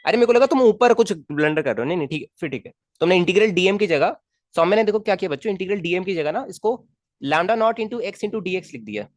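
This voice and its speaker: A man teaches physics to students in a live online class. His voice swings up and down with lively pitch as he coaxes them, repeats himself and checks they follow. The sound is dry and close, with no room echo. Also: fast talker. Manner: coaxing, repetitive, checks in with students often.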